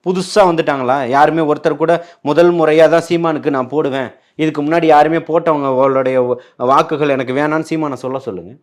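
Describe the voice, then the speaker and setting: A man's voice: on the high side, fairly even intonation, quick pace. A man, speaking as a party spokesman in a heated political interview, combative and full of rhetorical questions.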